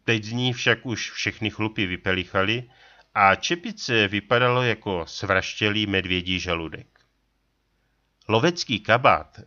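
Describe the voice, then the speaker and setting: A man reading an adventure story aloud in a steady, deliberate narrating style. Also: lowish voice, muffled recording. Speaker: audiobook reader.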